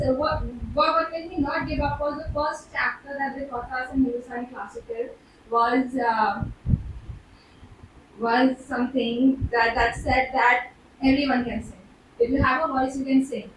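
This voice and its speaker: A woman with an Indian accent talking informally on stage at an open mic, nervous and hesitant, with halting false starts. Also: high-pitched. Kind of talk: informal rambling talk on stage. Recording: very echoey room, distant mic, background noise.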